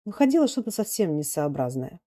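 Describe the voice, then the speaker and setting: A woman reads a classic story aloud at a calm, measured pace. Her voice sits low and sounds mellow and warm. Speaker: narrator. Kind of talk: audiobook reading of classic prose.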